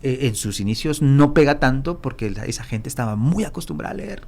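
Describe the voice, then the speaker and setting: A Guatemalan man speaking as a historian guest, animated and chatty, who keeps asking "¿verdad?" and stringing his stories along with fillers. His voice sits mid-range for a man. There is a faint ambient hum behind him. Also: mid-range voice, a little fast, vocal fry. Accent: Guatemalan Spanish. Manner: storytelling, animated, with many fillers and repeated "¿verdad?". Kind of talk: casual studio conversation.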